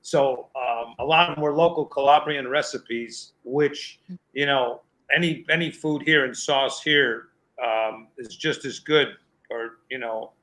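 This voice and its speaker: Man from new york, bright forceful voice, relaxed reminiscing on a podcast. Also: mid-range voice, unhurried, rough recording. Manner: relaxed, reminiscing, with fillers and repeats. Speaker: podcast guest. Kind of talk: casual roundtable chat.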